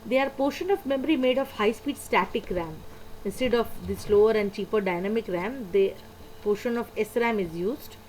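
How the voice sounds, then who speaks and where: A woman's voice: fairly high pitch, moderate pace, a little mellow, a little hiss or hum, low-quality recording. A woman, teaching a computer lesson and patiently repeating the key points. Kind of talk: lecture explaining slides.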